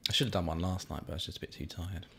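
Laid-back man, low voice. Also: steady tone, very fast, creaky, pushed and bright, husky. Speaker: podcast host and comedian. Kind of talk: casual chat.

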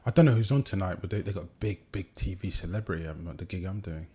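A man chatting casually as a comedian guest, animated and laughing, acting out little scenes. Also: low-pitched, fast, breathy edge. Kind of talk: casual chat.

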